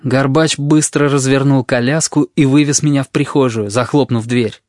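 A male audiobook narrator reads a first-person novel in a measured, quiet way. His voice sits at a medium pitch. The recording is very dry and close, with no room echo. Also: fairly even intonation.

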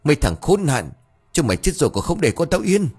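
A man voicing a grieving, furious older village man who shouts curses and mocks bitterly. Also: lowish voice, expressive, brisk, slightly rough, soft background music. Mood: raging.

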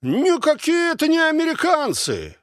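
A man puts on a high-pitched, crude, boastful soldier in an audiobook, lazy drawl, loud and pushy. The reader pushes his voice well up for this rough soldier, and the sound is dry and close. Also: wildly swooping pitch, normal speed, no room sound, full character voice. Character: boastful rough male soldier behind a wall.

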